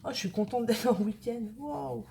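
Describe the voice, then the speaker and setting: A woman's voice: a little high, moderate pace, gravelly, heavy background noise. A woman from northern France, chatting casually to viewers as she shows a craft project step by step. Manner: chatty, talks to viewers while working with her hands. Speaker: craft tutorial host. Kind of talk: casual craft tutorial narration.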